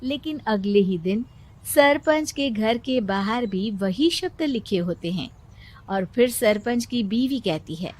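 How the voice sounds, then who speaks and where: A woman's voice: on the high side, expressive, slow pace, a little mellow, slight background noise. A woman narrating a scripted moral story in the present tense.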